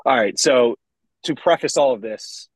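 A man's voice: mid-range voice, unhurried, no echo. A man talking over a phone line from inside a parked car, chatting loosely as a podcast co-host, rambling and swearing casually. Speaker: co-host of a sports betting podcast. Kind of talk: casual chat.

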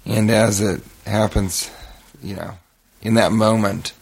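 Gravelly-voiced man riffing crudely. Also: fairly low pitch, fairly even intonation, slow pace. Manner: crude absurd riffing, mock-indignant. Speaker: podcast co-host. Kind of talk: live comedy podcast banter. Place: hotel room with live audience.

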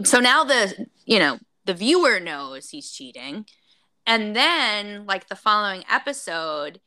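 Chatty gossip co-host, woman, bright and smooth, dry close sound. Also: mid-range voice, dry recording. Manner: chatty, recounting with many fillers. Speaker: podcast co-host. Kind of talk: casual gossip chat.

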